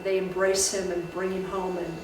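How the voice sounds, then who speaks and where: Speaking in a library, this woman shares folk tales and old beliefs in a casual manner, often restarting sentences and using fillers. Her pitch is on the low side and her speed normal. A distant mic in a highly reverberant room picks her up, over constant background noise.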